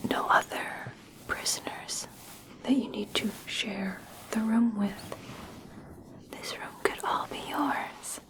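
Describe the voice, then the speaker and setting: A gentle elf princess, played by a woman whispers softly and very slowly. The voice is fairly high, breathy and hushed, soothing and reassuring in the manner of an ASMR fantasy roleplay. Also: rough recording. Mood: soothing, caring. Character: kind, reassuring young elf princess of a royal family. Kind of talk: ASMR personal attention roleplay.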